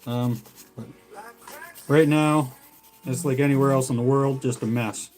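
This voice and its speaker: A Canadian man who makes fishing lures as a hobby hosts a casual livestream, rambling with viewers in a laid-back, folksy way. His mid-range voice is a bit slow and darkish with fairly even intonation, and the audio quality is poor.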